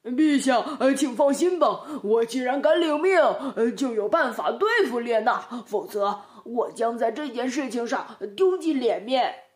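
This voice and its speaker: A woman voicing a simple-minded male bear who boasts loudly with hesitant fillers. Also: on the high side, expressive, a little slow, hardly any pauses. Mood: boastful.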